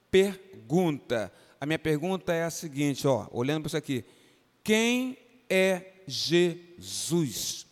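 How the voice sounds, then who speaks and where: A man with a Brazilian Portuguese accent, a pastor leading an interactive Bible lesson for children in a church and coaxing them by name to answer. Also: a little high. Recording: reverberant church hall.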